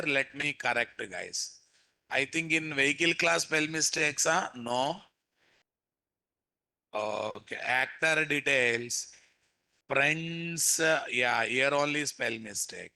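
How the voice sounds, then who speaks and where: A man's voice: medium pitch, pushed and bright. A man with a Telugu Indian accent teaching a live coding lesson, repeating phrases and prompting students with questions. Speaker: programming instructor.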